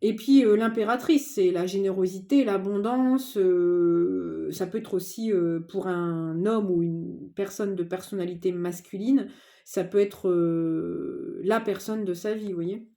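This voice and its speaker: A woman giving a casual tarot reading to viewers, chatty and informal, often pausing with fillers. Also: on the low side, dark tone. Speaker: tarot card reader.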